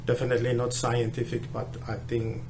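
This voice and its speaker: A man explaining a guitar measurement test, halting and restarting often, heard through a low-quality phone recording. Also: monotone, noisy background. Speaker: guitar tester.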